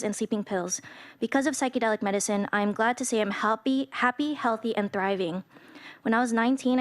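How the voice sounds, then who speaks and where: A woman in her twenties giving an earnest, prepared public comment to a city council. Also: a little high. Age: 20s. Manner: earnest, reading a prepared statement.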